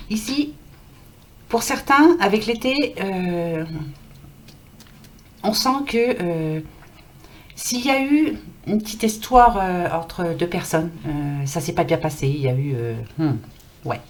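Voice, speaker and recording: Speaking slowly with frequent pauses, the French tarot reader has a fairly low, animated voice. She talks to camera in a casual, reassuring way, dropping plenty of fillers, even as her scratchy throat makes her voice give out.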